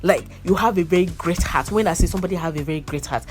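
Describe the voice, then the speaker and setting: Over music, a young woman chats casually about a movie she's reviewing, repeating herself and breaking into laughter. Her voice is fairly low and fast.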